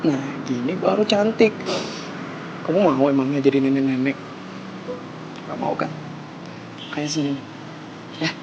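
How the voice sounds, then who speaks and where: A man's voice: medium pitch, measured pace, pauses often, lo-fi sound, noisy background, natural voice. An actor playing an earnest young college student who reassures his girlfriend tenderly. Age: young adult. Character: earnest young college boyfriend, sweet talker.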